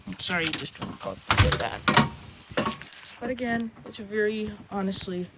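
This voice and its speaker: Heavy wind batters the recording throughout. A man with a high voice talks casually to his viewers as an outdoor vlogger. He rambles, repeats himself and keeps an apologetic manner. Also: lively intonation, a little slow. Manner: apologetic, repetitive talk. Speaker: amateur video blogger. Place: outdoors at night in strong wind. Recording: very loud wind noise, outdoors. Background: loud gusting wind.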